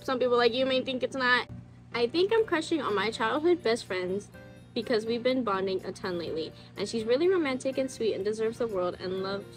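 A woman's voice: fairly high pitch, rough recording. A woman in her twenties hosting a casual chat, reading messages aloud and commenting in an informal, slangy way. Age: 20s. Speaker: host reading viewer confessions.

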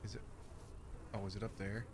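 A young man hosting a gaming video, talking casually and excitably as he plays and reacts. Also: lowish voice, fairly quick, noisy background. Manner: excitable, jokey, exclaims often. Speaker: gaming channel host. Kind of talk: let's play commentary.

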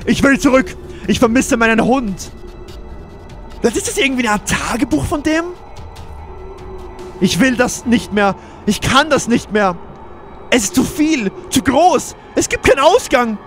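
A man's voice: extremely high pitch, lively intonation, measured pace, pauses often, a bit bright, faint music behind, heavily acted. A man voicing a despairing man lost in a maze, reading out his diary with broken, repeating, pleading phrases.

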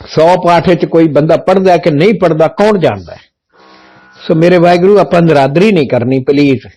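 Male preacher with a high voice, blunt and forceful like a soldier, hammering points home with questions. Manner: blunt, forceful military-style way of speaking; emphatic, with rhetorical questions. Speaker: Sikh preacher. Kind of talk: religious sermon talk.

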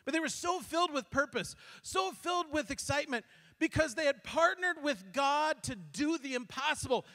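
High-pitched guy pastor telling a church story, lively, trips over his words, big reverb in the sanctuary. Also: normal speed. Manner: animated, acts out quotes, frequent restarts. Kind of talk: sermon storytelling. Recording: long hall reverb.

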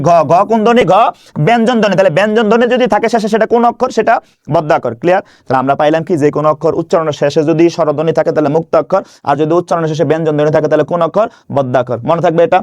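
Rapid-fire man teaching grammar. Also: sits high, a little mellow, no echo, studio quality. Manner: repetitive question-and-answer drilling. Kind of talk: online video lesson. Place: indoor room.

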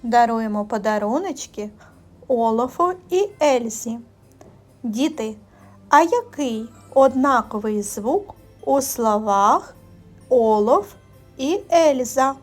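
A woman speech therapist giving a children's lesson, asking slow questions with pauses for answers and praising the kids. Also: fairly high pitch, animated, soft background music. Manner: encouraging teacher tone, praising.

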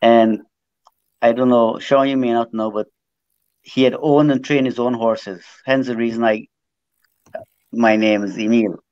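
A man's voice: mid-range voice, fairly even intonation, unhurried, long pauses, a little mellow, clear, resonant tone, no echo. A middle-aged man from Trinidad who grew up in Guyana, telling his life story at length as a guest, often repeating words. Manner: rambling, repeats words while recounting. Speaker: guest, former jockey. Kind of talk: casual storytelling on a video call. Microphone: video call. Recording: slightly dull video call audio.

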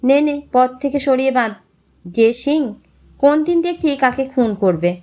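A woman's voice: high-pitched, lively intonation, measured pace, voice pushed up. A woman voicing a scornful old male village priest who mocks and scolds. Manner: mocking, sharp-tongued.

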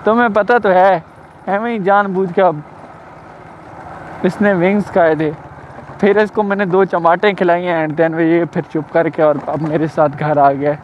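A man's voice: high-pitched, steady tone, a little slow. A young man from Pakistan with a Saraiki accent, chatting casually in a vlog and teasing his little brother as he rides a motorbike through town. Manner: teasing, repeats himself, calls out loudly. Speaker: motovlogger. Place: riding a motorbike outdoors in town. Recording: muffled with faint traffic noise.

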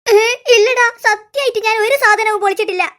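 A voice artist playing a loud, muddled middle-aged cartoon auntie, who stammers when flustered. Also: extremely high pitch, fairly even intonation, fairly quick. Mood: defensive. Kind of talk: cartoon voice acting.

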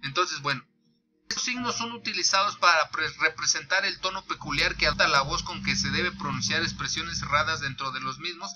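A man with a Mexican accent teaching a punctuation lesson, reading examples slowly and naming each punctuation mark aloud. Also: fairly high pitch, sharp tone, lo-fi sound, soft background music. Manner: slow, deliberate dictation of examples with punctuation named aloud; thinks aloud with restarts and fillers.

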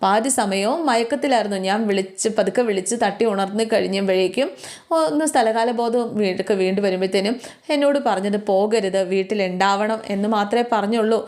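A woman's voice: mid-range voice, a little fast, natural voice. A woman doing a meek young maid, pleading. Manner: begging, soft-spoken.

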